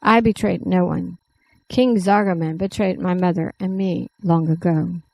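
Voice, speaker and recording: A woman's voice: fairly low pitch, steady tone, measured pace, gravelly, darkish tone, low-quality recording. An earnest young princess calls out to a crowd, apologetic yet firm, in a read-aloud fantasy tale, voiced by the woman telling it. Her voice stays close to a plain reading voice.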